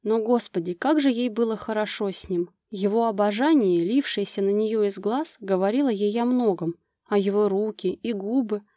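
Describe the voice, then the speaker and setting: A woman narrating a romance novel as an audiobook, with smooth, expressive storytelling. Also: mid-range voice, moderate pace, no room sound, studio quality.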